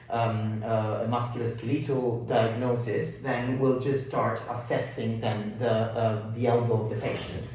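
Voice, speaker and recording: A man explaining as a clinician in a halting, informal way, slightly muffled through a face mask. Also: medium pitch, a little mellow. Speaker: consultant osteopath and physiotherapist. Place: indoor room at a clinic. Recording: very echoey room, distant mic.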